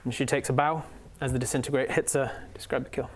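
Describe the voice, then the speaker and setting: A man's voice: medium pitch, fairly even intonation, quick pace. A man running a tabletop game as game master, narrating off the cuff and chatting casually, with some swearing.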